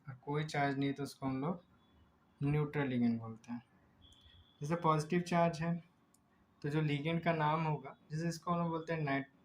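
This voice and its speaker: A man teaching a chemistry lesson. He explains step by step, asks himself rhetorical questions, draws chemical names out slowly and often corrects himself mid-word. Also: on the high side, a little hiss or hum, low-quality recording. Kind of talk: recorded lecture.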